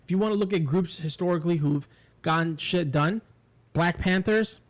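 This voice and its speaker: An English-speaking New Yorker co-hosts a podcast, his voice on the high side and his speed normal. The talk is casual chat: rambling, opinionated, and peppered with swearing and restarts.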